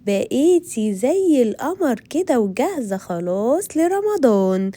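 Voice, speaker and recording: A woman with an Egyptian accent voicing an excited, cheerful little girl. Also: fairly high pitch, a little slow.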